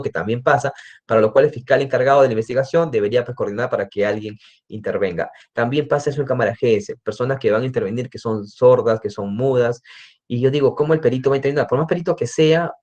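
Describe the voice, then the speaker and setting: A man's voice: mid-range voice, a little mellow. A man with a Peruvian Spanish accent, a forensic psychologist giving a lecture, explaining step by step and often adding "¿no?" tags and restarting his sentences. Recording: slightly dull lo-fi recording.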